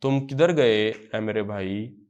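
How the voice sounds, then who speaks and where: A man with a Pakistani accent teaching an Arabic grammar lecture. He sounds words out slowly, repeats them, then explains in quick asides and checks that students follow. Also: fairly low pitch, a little mellow, dull audio. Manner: repeats phrases and checks understanding.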